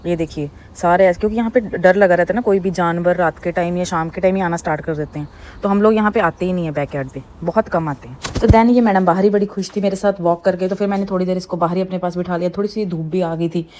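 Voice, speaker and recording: A woman's voice: on the low side, quick pace, a little mellow. A woman, a mother narrating her day as a vlog voice-over in a chatty, homely way, mixing English words into her speech. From India. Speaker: vlogger, mother of two.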